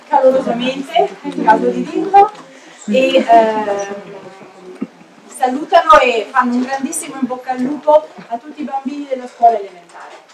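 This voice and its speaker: A woman speaking hesitantly and informally on a theatre stage as she opens a school show, picked up by a distant camera. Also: high voice. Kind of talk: informal welcome speech. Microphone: distant camera microphone. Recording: echoey, distant, noisy hall recording.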